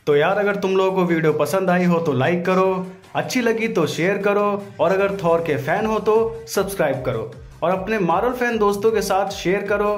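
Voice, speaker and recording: With soft background music, a man speaks at a normal speed in a high voice, hosting a video breakdown as voice-over commentary. He is informal and slangy, making crude jokes.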